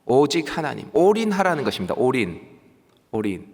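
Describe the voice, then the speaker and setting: A male youth pastor with a Gyeongsang accent delivers a sermon, animated and emphatic, repeating key words. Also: medium pitch, brisk. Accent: Gyeongsang Korean. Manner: animated preaching with emphatic repetition and asides. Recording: long church hall reverb.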